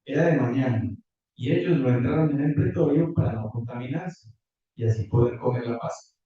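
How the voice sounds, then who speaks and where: A man preaching a sermon and reading scripture in a measured, careful way, recorded from afar in a church hall. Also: mid-range voice. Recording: distant, echoey, muffled church audio.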